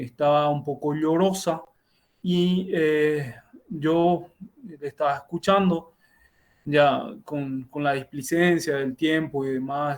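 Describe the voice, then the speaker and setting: A middle-aged man, a doctor teaching a class, tells a clinical case in a halting way with frequent restarts and tag questions, heard over a video call. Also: a little high, a little mellow. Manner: halting, many self-corrections and tag questions. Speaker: university lecturer and doctor. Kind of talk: lecturing with a clinical case story.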